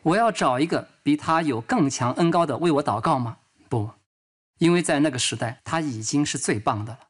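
A man's voice: fairly high pitch, animated, brisk, slightly rough. A man voicing a dubbed sermon as a preacher, telling his own testimony earnestly and reading scripture aloud.

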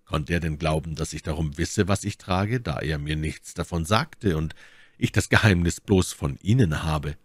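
A man voicing a resolute young officer, speaking in a low, hushed, somber way. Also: normal speed, no echo. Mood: grim, hushed. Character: grim young male officer, devoted and resolute.

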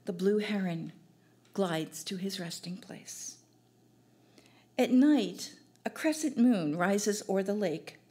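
Older woman reciting her own verse at an open mic; slow, soft, mid-pitched, measured. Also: lively intonation. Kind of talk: poetry reading. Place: small cafe stage, indoors. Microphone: stand mic at a distance.

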